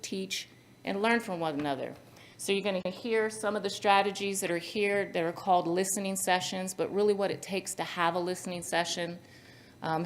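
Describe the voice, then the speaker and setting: Woman panel moderator, lowish voice, earnest and anecdotal, filler-heavy delivery. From Central Valley, California. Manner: earnest, storytelling with many fillers. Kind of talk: conference panel remarks.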